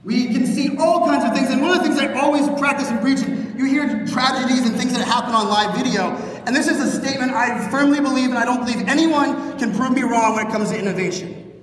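A man in his thirties from Pittsburgh giving an energetic conference keynote with punchy jokes, recorded on a phone from a stage in a large hall. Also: extremely high pitch, recorded from a distance. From Pittsburgh, Pennsylvania, USA. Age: 30s. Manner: fast, punchy, joking with the crowd. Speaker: keynote speaker.

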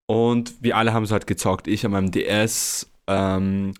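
A man's voice: fairly low pitch, moderate pace. Young man telling a story. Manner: animated, acts out quotes, laughs a lot. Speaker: podcast co-host. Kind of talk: casual storytelling chat.

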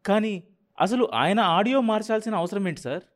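A man's voice: high voice, animated, brisk, voice pushed up. A man voicing a nervous young male news desk editor who pleads anxiously with his boss.

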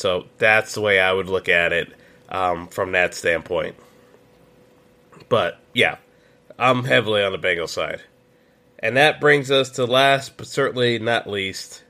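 A man's voice: on the low side, sharp tone. A man hosting a solo sports podcast, giving opinionated betting picks in a casual way with lots of fillers and restarts. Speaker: podcast host.

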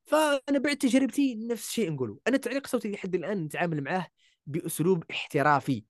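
Voice-over artist guest, Algerian man, rapid emphatic chat, a touch high. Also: lively intonation, dry recording, studio quality. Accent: Algerian Arabic. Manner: emphatic, repeats key words, mixes in French and English. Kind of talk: casual interview chat.

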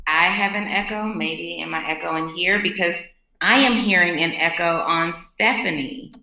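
A woman's voice: lowish voice, normal speed, vocal fry, sharp tone. Woman co-host with an echoey call sound. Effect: echoey sound over an online call. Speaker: podcast co-host. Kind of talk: casual live podcast chat. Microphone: computer mic on a video call.

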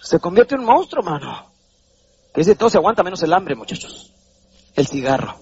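This is a high, brisk, breathy male voice, recorded with highs cut off. A Mexican motivational speaker at a live hall seminar, he performs theatrically, with animated energy, doing little voices and questioning the audience.

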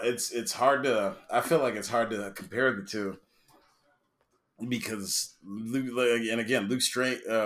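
A man's voice: on the low side, fairly bright tone. A man co-hosting a podcast, talking in a loose, rambling, profane way about comic book powers. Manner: profane, rambling, laid-back. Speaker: podcast co-host. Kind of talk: casual chat.

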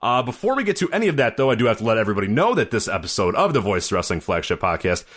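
Fast-talking, animated male podcast host. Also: lowish voice, husky. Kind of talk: casual banter.

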